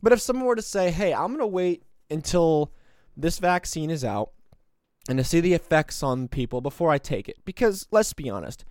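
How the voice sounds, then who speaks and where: A man in his twenties hosts a solo podcast, offering opinionated commentary in a slightly high voice. His manner is sarcastic, combative and rambling. The recording is dry, with clean studio sound.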